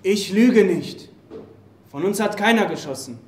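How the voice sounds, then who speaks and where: A man's voice: sits high, animated, a little slow. A man reading a frightened captured soldier. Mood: desperate. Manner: hesitant, pleading, stammering. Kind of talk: staged play reading. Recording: roomy live café recording.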